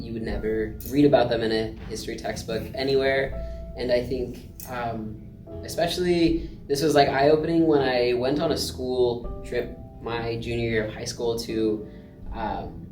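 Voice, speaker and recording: A young adult student from Alaska giving reflective, pause-filled answers in a casual interview. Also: mid-range voice. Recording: roomy and distant with soft guitar.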